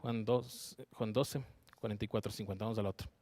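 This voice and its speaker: A man's voice: lowish voice, fairly even intonation, a little fast, darkish tone. A man leading a Bible study sermon, reading scripture verses aloud, explaining them and checking in with his listeners by asking "¿sí?". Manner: checks in with listeners with a frequent questioning "¿sí?".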